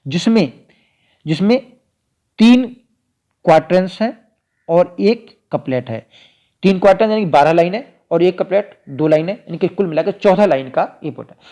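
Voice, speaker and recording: A man teaching literature, explaining a poem point by point and repeating key ideas, drawing out the English lines slowly. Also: sits high, mellow. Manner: slow, stretches out quoted English lines.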